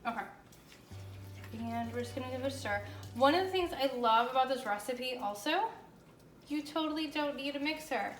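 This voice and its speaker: A woman's voice: sits high, normal speed, soft background music. Chirpy American woman in an echoey room. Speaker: host of a home baking show. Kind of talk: casual chatty cooking demonstration. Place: indoors, home kitchen. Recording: echoey room with faint background noise.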